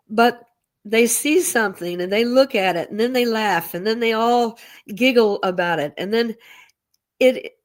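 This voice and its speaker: A woman co-hosting a casual chat, speaking reflectively and often repeating words as she gathers her thoughts. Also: medium pitch. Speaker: co-host.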